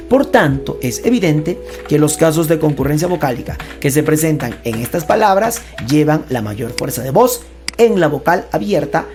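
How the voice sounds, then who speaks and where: A woman teaches a playful grammar lesson with a lively voice that swings widely in pitch, set a little low for a woman. She stretches words out slowly and stresses each sound, adding chatty jokes along the way. Soft music plays underneath. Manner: chatty and joking, with asides. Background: faint background music.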